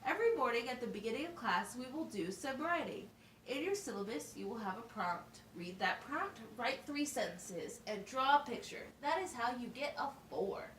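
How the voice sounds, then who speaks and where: In an amateur puppet show, a woman voices a patient schoolteacher who explains things simply and asks questions to check understanding. Her voice sits a little high and is very animated and fairly bright, at a moderate pace, with a firm, instructive mood. The distant mic gives a roomy sound with faint noise.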